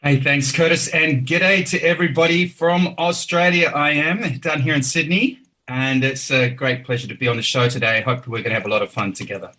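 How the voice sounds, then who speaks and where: A man's voice: a little high, fairly quick, few pauses, pushed and bright, rough recording. A man, a podcast guest telling his story in a chatty, enthusiastic way with plenty of ums. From New Zealand. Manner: chatty, enthusiastic, filler-laden. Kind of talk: casual interview storytelling.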